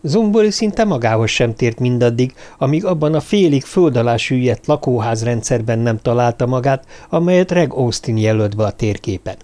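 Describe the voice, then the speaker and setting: A man narrating a novel as an audiobook, reading in a steady, measured way. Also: mid-range voice. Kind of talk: scripted narration.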